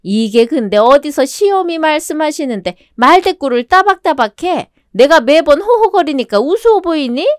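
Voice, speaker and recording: A haughty, sharp-tongued mother-in-law in a radio drama, put on by a woman, her pitch pushed up high and swinging widely as she needles. The sound is close and dry. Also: lively intonation, normal speed, hardly any pauses, no echo. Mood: scolding. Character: domineering older mother-in-law, sneering and haughty.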